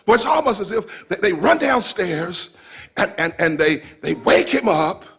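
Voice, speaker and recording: A middle-aged man preaching a call-and-response sermon in a church, repeating phrases and shouting for emphasis. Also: sits high, sing-song, measured pace, gravelly, husky. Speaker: pastor. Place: church sanctuary.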